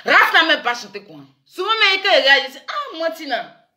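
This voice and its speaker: A woman giving teasing, animated commentary with sudden loud exclamations. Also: very high voice, moderate pace. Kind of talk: chatty commentary vlog. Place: in France.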